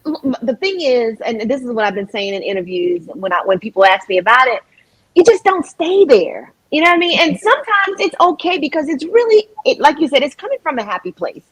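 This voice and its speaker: A woman's voice: sits high, sing-song, fairly quick, fairly bright tone, husky, no echo, low-quality recording. A middle-aged woman, a singer and guest on a podcast, talking in an emotional, heartfelt way, laughing often and restarting her sentences. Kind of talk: casual podcast conversation.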